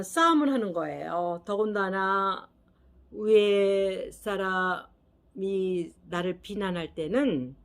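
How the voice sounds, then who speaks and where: A woman giving a counseling lecture on handling criticism in a measured way, pausing on hesitation fillers and acting out example dialogues. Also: medium pitch. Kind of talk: instructional talk on handling criticism.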